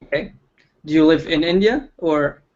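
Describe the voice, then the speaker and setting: A man hosting a relaxed livestream interview, talking with frequent ums and restarts. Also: fairly high pitch, moderate pace, highs cut off, slight background noise. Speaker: livestream host.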